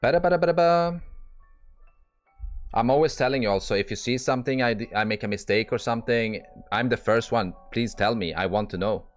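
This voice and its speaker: A man's voice: on the low side, steady tone, fast talker, hardly any pauses, soft background music. A man commentating live as he plays online poker, blunt and exasperated, swearing and restarting his sentences often. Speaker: poker streamer.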